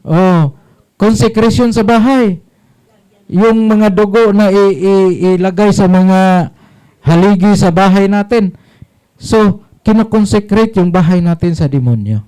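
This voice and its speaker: Slow priest quizzing his flock. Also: high voice, warm tone, clean tone, rough recording. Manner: rhetorical questions, short call-and-response phrases. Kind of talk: catechism talk to a congregation.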